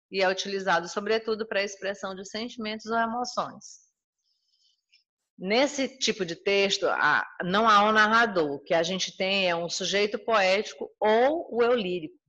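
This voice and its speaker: A woman's voice: medium pitch, fairly bright tone, lo-fi sound. Brazilian woman teacher explaining a lesson. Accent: Brazilian Portuguese. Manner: explanatory, repeats and rephrases points. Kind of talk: recorded school lesson.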